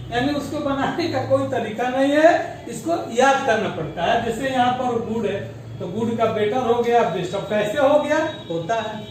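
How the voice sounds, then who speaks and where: High-pitched male teacher in echoey room. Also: a little mellow, recorded from a distance, a little hiss or hum. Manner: explains slowly, spells out words syllable by syllable; mixes English terms into Hindi. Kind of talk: grammar lesson. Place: school classroom.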